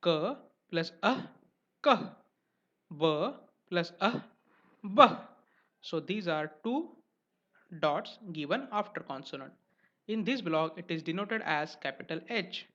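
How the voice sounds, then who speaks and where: A man teaching letters as a language teacher, speaking slowly and carefully and stressing each example syllable. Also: on the high side, lively intonation, fairly bright tone. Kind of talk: explanatory lesson narration. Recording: dull lo-fi recording.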